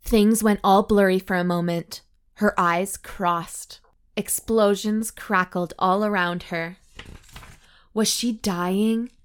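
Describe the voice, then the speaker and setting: A woman co-hosting a comedy podcast, reading a story aloud in a mock-serious, deadpan way between bits of banter. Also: medium pitch, slow pace, smooth.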